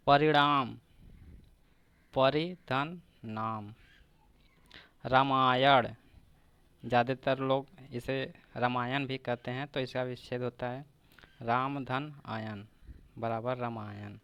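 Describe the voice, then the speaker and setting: Here a man explains grammar for exam prep, unpacking each example word by word at a slow pace and repeating it. He sounds steady, a bit bright and smooth at medium pitch, with no echo.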